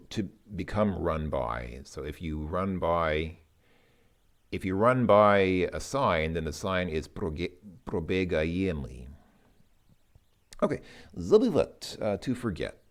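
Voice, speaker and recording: A deep-voiced man works through language lesson exercises informally, thinking aloud in a hesitant, halting, dry manner.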